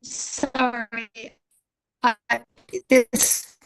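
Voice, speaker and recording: A woman in a committee meeting, joining remotely, whose speech comes through in halting fragments over online call audio that keeps breaking up. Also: fairly high pitch, flat delivery, clean tone. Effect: choppy online call audio breaking up. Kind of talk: meeting discussion.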